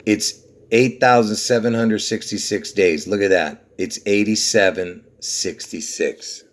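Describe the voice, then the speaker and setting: A man's voice: lowish voice, a little slow. A man from Lebanon hosting a video, walking viewers through numbers in a rambling, insistent way, often checking "okay?" and "you see?". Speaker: video host. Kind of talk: conspiracy numerology video walkthrough.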